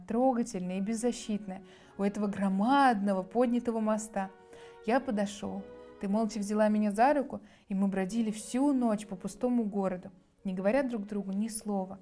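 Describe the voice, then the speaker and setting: A young soldier speaks softly and tenderly, as a woman reader voices him. Faint music runs under the voice. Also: mid-range voice, lightly acted.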